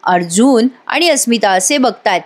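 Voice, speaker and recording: Woman, voice-over recap, chatty, addresses audience, fairly high pitch. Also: lively intonation, normal speed. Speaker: TV serial reviewer.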